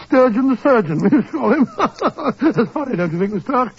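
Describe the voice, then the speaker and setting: An actor playing a blustering, self-assured gentleman doctor with a British accent in a 1940s radio drama. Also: extremely high pitch, very animated, normal speed, slightly rough, exaggerated voice. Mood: flustered, jovial. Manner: pompous, blustering. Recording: dull old 1940s radio recording.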